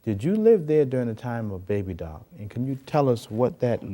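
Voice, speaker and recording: Animated preacherly male host. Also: mid-range voice, a little fast. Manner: preacherly, rising emphasis. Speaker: program host. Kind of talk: studio interview with preaching. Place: TV studio.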